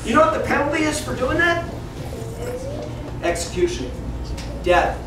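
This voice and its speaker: Speaking in a very high, sing-song voice at a moderate pace, this fifties-aged man dramatizes a Bible story for children, voicing each character's lines in simple language. It was captured indoors in a small classroom by a distant camera mic, so the sound is echoey with background room noise.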